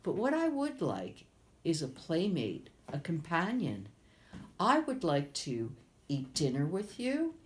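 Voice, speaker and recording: A pushy, bargaining frog, put on by a woman telling a children's story. He wheedles and insists, stretching his words slowly. His voice swoops up and down. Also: deep voice, wildly swooping pitch, a little hiss or hum, heavily acted. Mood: coaxing.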